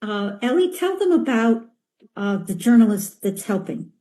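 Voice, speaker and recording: An older woman with a mellow, warm voice leads a video meeting over a call. She speaks earnestly and with passion, slowing down on the words that matter. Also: fairly high pitch, very animated. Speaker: meeting organizer.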